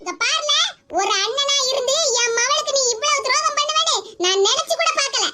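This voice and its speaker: A woman's voice: brisk, heavy background noise. A voice actor playing a fierce old mother with a southern Tamil accent, scolding her son in a cartoon comedy. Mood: accusing. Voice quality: high, shrill, accusing.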